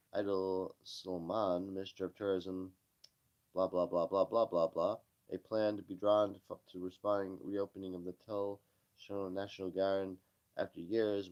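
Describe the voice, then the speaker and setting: A man's voice: deep voice, darkish tone, lo-fi sound. A tired, yawning man casually reading news stories aloud on a live stream, stumbling over words and tossing off dismissive asides. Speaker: livestream host.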